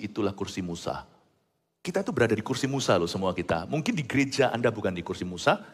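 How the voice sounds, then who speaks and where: A male pastor preaching with lively swings in pitch and a husky edge to his voice. He mixes English phrases into his sermon. The voice rings in a reverberant church hall over faint music. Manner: animated, mixes English phrases, acts out quotes.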